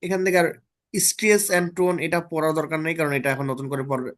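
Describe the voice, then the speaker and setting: A man's voice: on the high side, brisk, a bit bright. Casual man tutoring exam topics. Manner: casual, checks in often with students. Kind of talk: online exam-prep lesson.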